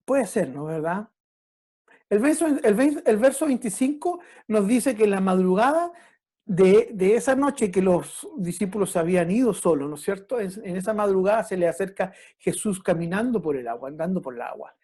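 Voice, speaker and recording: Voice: medium pitch, expressive, mellow, breathy edge. A preacher giving a reflective sermon who often checks in with the listeners through tag questions and sometimes stops to restart. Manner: halting, with restarts.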